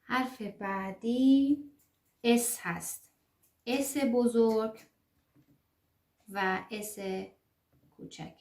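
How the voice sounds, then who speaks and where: A woman teaching an online language lesson, pronouncing letters one by one slowly and carefully, with small fillers as she explains. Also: fairly high pitch, a little mellow, echoey room. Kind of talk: online lesson on the German alphabet.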